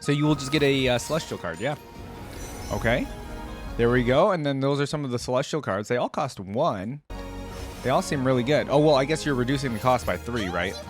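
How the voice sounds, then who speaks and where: Music plays behind a man giving casual reaction commentary as a video host. Speaking directly to his viewers as "guys," he sounds enthusiastic and conversational, his mid-range voice expressive and brisk.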